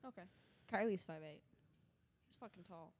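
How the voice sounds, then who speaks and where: A young woman co-hosting a casual podcast at home, laid-back with quick quips. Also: lowish voice, no room sound, clean studio sound. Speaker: podcast co-host. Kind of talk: casual chat.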